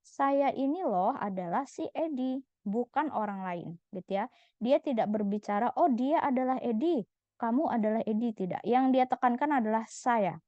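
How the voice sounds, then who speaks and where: A woman's voice: on the high side, mellow, no room sound, highs cut off. A woman teaching a language lesson in a patient, explanatory way, often checking in with her listeners. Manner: patient, explanatory, frequent "gitu ya" tag.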